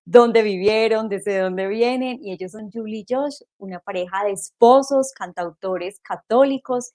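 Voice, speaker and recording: A woman hosts a faith interview program, speaking in a mid-range voice at a measured pace. She offers warm, devout greetings to welcome her guest, and her phrasing is loose, with frequent self-corrections.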